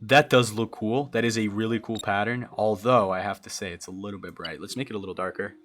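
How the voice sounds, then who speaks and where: A young man from Brazil, native in Portuguese, streams himself building a game creature and answers viewers casually, thinking aloud with frequent stammers and restarts. He speaks at a quick pace in a lowish, fairly bright voice with fairly even intonation, against soft background music.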